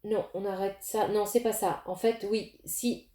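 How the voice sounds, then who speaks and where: A woman's voice: medium pitch, fairly even intonation, measured pace, dark tone, reverberant. Hesitant woman reading tarot to camera. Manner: hesitant, many fillers and restarts, addresses viewers directly. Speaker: tarot reader.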